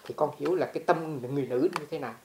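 Wise old male Bodhisattva giving a lesson, voiced by a woman, low and raspy. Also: very fast, a little mellow, roomy sound, a little hiss or hum. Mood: instructive.

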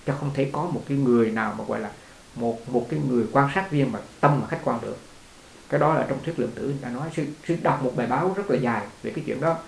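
A man's voice: mid-range voice, very fast, gravelly, a little hiss or hum. A man teaching as a Buddhist teacher in a conversational dharma talk, repeating words and laughing along with his listeners. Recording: echoey room.

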